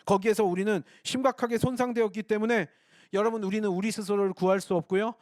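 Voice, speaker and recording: A man's voice: high-pitched, fairly even intonation, fast, a little mellow, no room sound, studio quality. A man preaching a sermon in church, earnest and conversational, often turning to speak directly to the congregation. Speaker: pastor.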